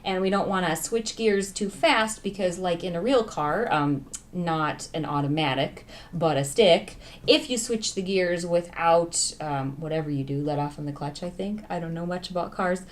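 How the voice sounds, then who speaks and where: A woman voice teacher leading a vocal warm-up lesson, explaining registers in a plain, instructive way. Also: on the low side, normal speed. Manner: instructive, talks over piano accompaniment. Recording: piano playing behind the voice. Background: piano.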